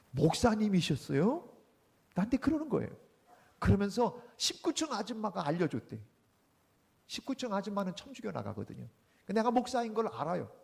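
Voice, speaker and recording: Gravelly, lively-voiced man preaching a sermon. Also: medium pitch. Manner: animated storytelling, acting out the people in his anecdotes. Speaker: pastor. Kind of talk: Sunday sermon. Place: church sanctuary.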